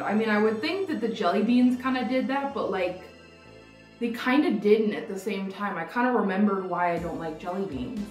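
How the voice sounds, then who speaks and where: A woman in her twenties hosts a vlog, chatting casually to the camera during a candy taste test in a decorated indoor room; she rambles, hesitates, and says "like" a lot. Her pitch is medium. The camera sits a few feet away, so the sound is roomy and distant, with music playing behind her.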